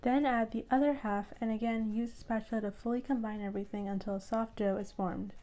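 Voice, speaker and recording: A woman's voice: on the high side, fairly even intonation, fairly quick, dark tone. Upbeat young woman hosting a cooking video. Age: young adult. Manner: upbeat, chatty, addresses viewers directly. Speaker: cooking channel host. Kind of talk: friendly recipe tutorial. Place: indoor room at home.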